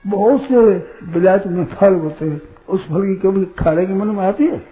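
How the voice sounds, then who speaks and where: Older man, spiritual discourse, high voice, mellow tone, rhetorical questions. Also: poor audio. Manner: storytelling, rhetorical questions, slow and deliberate.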